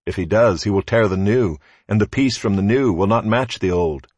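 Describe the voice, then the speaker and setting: A man reading scripture aloud formally, in a measured and declarative way. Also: fairly low pitch, darkish tone, no echo. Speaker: scripture reader at a church service.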